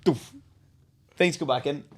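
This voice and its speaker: A man's voice: a little high, unhurried, a little mellow. A young man, a podcast co-host, telling a funny story in casual chat with lots of laughing and swearing.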